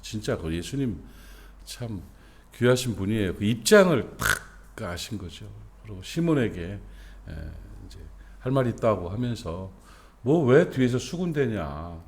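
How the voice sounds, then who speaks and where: Middle-aged pastor guy preaching early morning, chatty, asks the crowd questions, voice jumps all over, gets loud on the big points. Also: lowish voice, animated, moderate pace, slight background noise. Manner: conversational preaching with rhetorical questions and many fillers; rising and emphatic when stressing a point. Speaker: senior pastor. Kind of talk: dawn service sermon.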